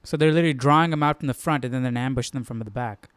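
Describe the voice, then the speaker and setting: Talking very fast in a smooth, mid-range voice with no echo, a man leads an informal Bible study. His casual commentary has him thinking out loud and frequently checking in with whoever is listening.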